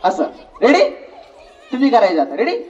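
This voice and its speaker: A man's voice: extremely high pitch, wildly swooping pitch, moderate pace, far from the mic, dull audio, some chatter behind, a little hiss or hum. A man teaching an acting workshop to children, giving directions and counting aloud in a coaxing, directive way. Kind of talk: instructing children in a class.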